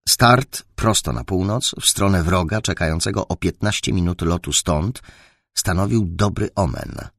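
A man's voice: deep voice, vocal fry, a bit bright, husky, dry recording, clean studio sound. A man narrating a war novel as an audiobook with dramatic, tense storytelling.

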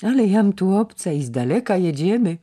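A man's voice: high-pitched, sing-song, brisk, warm tone, voice pushed up. A man voicing a curious, fretful woman servant in a storybook reading. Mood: prying. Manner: fretful, prying. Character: fussy, curious female maidservant.

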